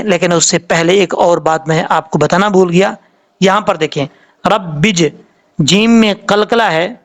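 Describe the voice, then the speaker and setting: A man, a Quran tajweed teacher giving a patient, step-by-step recitation lesson and repeating each sound. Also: sits high.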